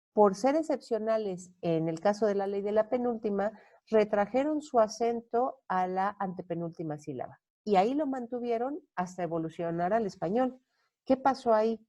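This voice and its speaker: A woman's voice: mid-range voice, lively intonation, normal speed, a little mellow. Woman teaching an online lecture, Mexican accent. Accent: Mexican Spanish. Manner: explanatory, asks the viewers questions and then answers them; thinks aloud, with fillers and self-corrections. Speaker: university lecturer.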